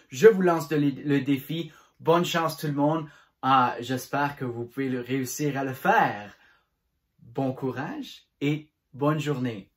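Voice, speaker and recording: Drama teacher, male, slightly high-pitched, clear and encouraging delivery for children's articulation drills. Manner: clear, deliberate articulation, chanting syllables in drills; encouraging and instructive.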